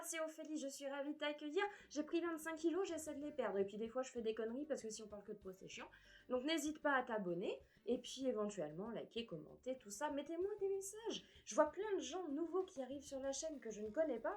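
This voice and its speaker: A young woman with a fairly high voice chats frankly to her camera. She is expressive and casually swears now and then. Faint music plays underneath. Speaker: fitness and weight-loss vlogger. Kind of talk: casual vlog talk to camera.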